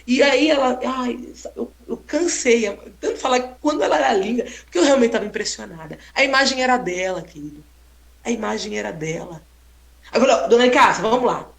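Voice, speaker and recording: A woman photographer telling a story in a casual, expressive way, exclaiming often and tagging sentences with "né?". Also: fairly high pitch, a little fast, creaky. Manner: expressive, exclaiming, frequent "né?" tags. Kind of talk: casual storytelling on a live stream. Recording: roomy echo.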